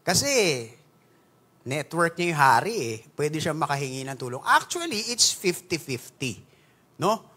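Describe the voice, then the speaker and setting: A young man with a Filipino accent delivers a conversational sermon. His voice sits high and sounds bright and forceful. He keeps it animated and playful, often asking the congregation questions. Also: a little slow. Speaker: pastor.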